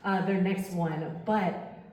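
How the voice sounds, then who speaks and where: Mellow woman reporter in an echoey hall. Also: fairly low pitch, steady tone, slow. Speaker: sports reporter. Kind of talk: press conference questioning. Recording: echoey hall, distant mic, faint noise.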